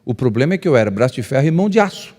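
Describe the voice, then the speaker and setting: A male pastor, telling stories to couples. He speaks loudly by nature, acts out dialogue and jokes with the crowd. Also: mid-range voice, big pitch swings, racing. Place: church hall. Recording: long reverb of a church hall.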